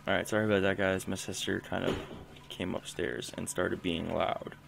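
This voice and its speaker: Speaking at a moderate pace in a low, gravelly, flat voice, this young gaming channel host narrates his gameplay at home in a chatty play-by-play full of self-interruptions. The background is noisy, and faint music can be heard.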